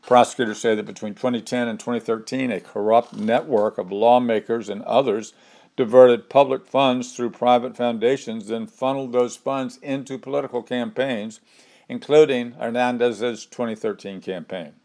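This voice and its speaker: An older man delivers a scripted commentary segment in a measured, opinionated way. His voice sits at a middle pitch, and his reading stays steady and deliberate throughout. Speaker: commentary host.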